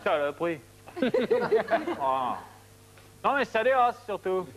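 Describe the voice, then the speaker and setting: A man's voice: high-pitched, sing-song, unhurried, crowd noise. An actor playing a dim, muddled fisherman who rambles in repeated phrases in a TV comedy sketch.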